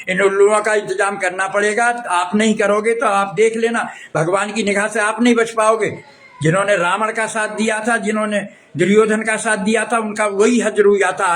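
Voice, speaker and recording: A man's voice: high-pitched, fairly bright tone. A man speaking live to his viewers, pleading and preaching with fervour, repeating himself often. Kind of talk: impassioned live appeal.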